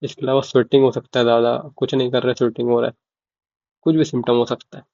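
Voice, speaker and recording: A casual young man tutors students in medicine through an informal lecture, speaking fast in a level, medium-pitched, slightly mellow voice. He keeps asking "ok?" and repeats key terms to check they follow. The lo-fi mic sounds dull and dry.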